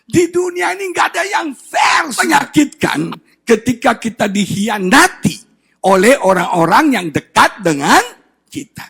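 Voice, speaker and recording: A man preaching from the pulpit with a high, gravelly, husky voice. He swings between shouting and hushed low tones, mimicking children's cries along the way. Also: big pitch swings, unhurried. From Indonesia. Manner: acts out children's crying voices in a high whine. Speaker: pastor. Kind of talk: sermon.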